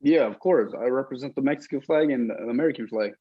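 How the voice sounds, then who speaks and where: A man's voice: medium pitch, quick pace, breathy edge, dry recording, lo-fi sound. A young man, a boxer, giving informal, plain-spoken answers in a casual interview.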